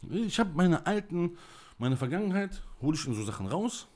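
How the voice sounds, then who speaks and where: A man's voice: high voice, very animated, moderate pace, a little mellow. A man delivering an angry, emotional monologue to camera, ranting in blunt, coarse language. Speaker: vlogger.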